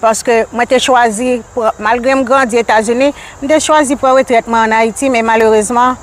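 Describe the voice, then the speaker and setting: An older woman from Haiti with a Haitian Creole accent, speaking as a community activist guest in a casual interview, earnest and repetitive, with halting phrasing. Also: a little high, fairly even intonation, a little hiss or hum.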